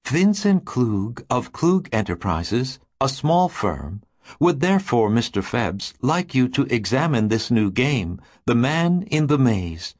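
A man voicing the calm telepathic voice of a toy maze, smooth and salesmanlike. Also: mid-range voice, takes it slowly, pitched above the performer's own voice. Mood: placid.

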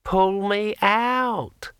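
A man voicing a pushy, chatty male magic sword in a thin, high, ringing voice, drawn out and bossy. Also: fairly even intonation, drawn-out words, fairly bright tone, smooth, no room sound, clean studio sound, heavily acted. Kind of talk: audiobook character voice.

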